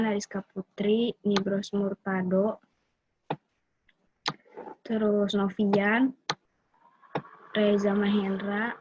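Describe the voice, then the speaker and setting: A woman's voice: mid-range voice, highs cut off, background noise. A young woman presenting to a class in a casual, hesitant way with many fillers. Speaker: student presenter.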